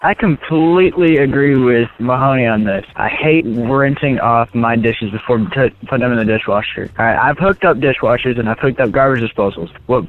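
A man of middle pitch speaks through a thin, tinny phone line. He leaves a voicemail in a matter-of-fact, opinionated way. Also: moderate pace, hardly any pauses. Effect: over a phone line, as a voicemail. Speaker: caller leaving a voicemail.

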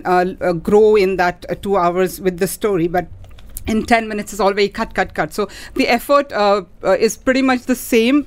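A woman gives explanatory answers as an interview guest. Her pitch is average, and she speaks haltingly, pausing often to find the next phrase. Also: dry recording. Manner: halting, hesitant phrasing with many pauses. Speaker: interview guest, theatre festival organiser. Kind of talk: conversational interview.

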